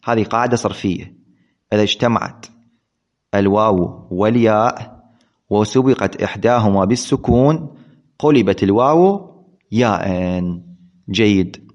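A man's voice: on the low side, unhurried, pauses often, a little mellow. A man teaching Arabic grammar in a classroom lesson. He asks questions and answers them himself, and repeats the key words. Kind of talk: classroom lesson explaining a text. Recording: dull lo-fi recording.

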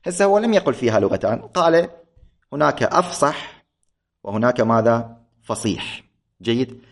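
A middle-aged man with a lilt leads a classroom lecture on grammar. He speaks at an ordinary pitch, patient and methodical, repeating each point and pausing to ask his students whether they follow. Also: animated. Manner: patient, repetitive, checks understanding with questions. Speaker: religious grammar teacher.

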